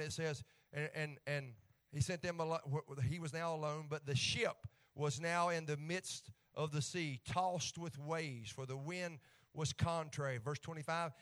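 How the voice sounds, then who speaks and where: A man with an Appalachian accent and a slightly high, somewhat bright voice preaches a sermon. His delivery is folksy and joking, but it swells into fervent emphasis whenever he reads scripture.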